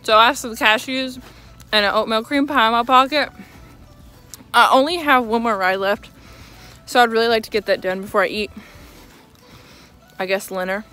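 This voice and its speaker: A woman's voice: a little high, moderate pace, long pauses, bright, forceful tone, faint music behind. A young woman vlogging casually outdoors at her horse barn, chatty and self-amused, sometimes talking with her mouth full. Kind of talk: casual chat while doing chores.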